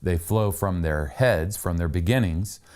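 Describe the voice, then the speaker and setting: Middle-aged male documentary host from Saudi Arabia, deep voice, calm explainer who pauses on "uh". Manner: explanatory, unhurried, with "uh" fillers. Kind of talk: documentary narration.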